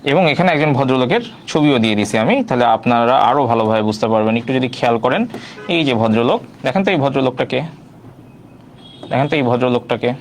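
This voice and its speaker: A man's voice: mid-range voice, animated, fairly quick, a little hiss or hum. Male teacher repeating quiz questions. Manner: repeats questions, prompts viewers to answer. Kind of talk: online quiz class.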